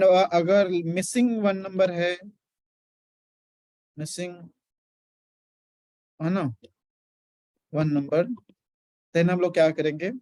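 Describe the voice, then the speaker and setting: A man's voice: on the high side, darkish tone, dry recording. A man teaching an acupressure class in a mixed Hindi-English lecture, explaining step by step and often checking in with his students.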